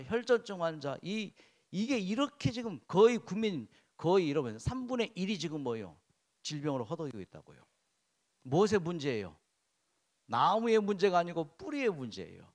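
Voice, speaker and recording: A man preaching in church with a rather high voice that swings widely up and down. He keeps asking his listeners questions and answering them himself. He also has them repeat key words back in a call-and-response drill. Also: a little mellow. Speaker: pastor. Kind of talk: sermon on health.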